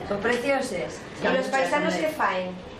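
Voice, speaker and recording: A woman's voice: on the high side, animated, unhurried, background noise. A woman with an Asturian accent hosting a travel show, chatty and teasing as she interviews villagers outdoors. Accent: Asturian Spanish. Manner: chatty, teasing, exclaims often. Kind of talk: on-the-street interviews. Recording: crowd chatter behind.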